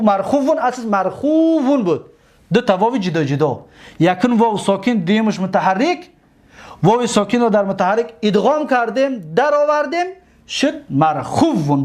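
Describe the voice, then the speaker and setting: A man's voice: high voice, a little mellow. A man with a Tajik accent teaching a classroom lecture, explaining step by step, repeating each word and asking his students questions. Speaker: teacher of Arabic morphology.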